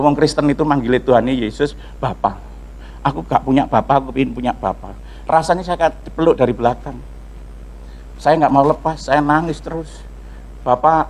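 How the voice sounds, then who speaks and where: Man, pastor, fairly high voice, lively testimony sermon, acts out voices. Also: poor audio. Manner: animated storytelling with acted dialogue and sung snippets.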